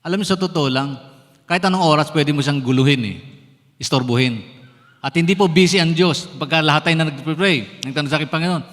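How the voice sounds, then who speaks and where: A man's voice: a little high, fast, a bit bright. A man with a Filipino accent, a pastor preaching a sermon in Tagalog mixed with English, who keeps asking his congregation questions. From Philippines. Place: church sanctuary. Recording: long church-hall reverb.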